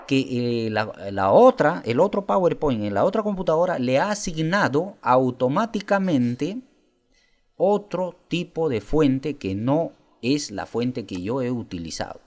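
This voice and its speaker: Guy walking thru a software tutorial, talks right to viewers, asks questions as he goes. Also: mid-range voice. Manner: explanatory, addresses viewers directly with rhetorical questions. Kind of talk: screen-recorded software tutorial.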